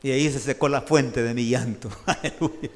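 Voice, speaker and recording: A middle-aged man with a Salvadoran Spanish accent, preaching a testimony sermon in an animated storytelling way, often addressing listeners as brother. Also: medium pitch, normal speed. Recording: long hall reverb.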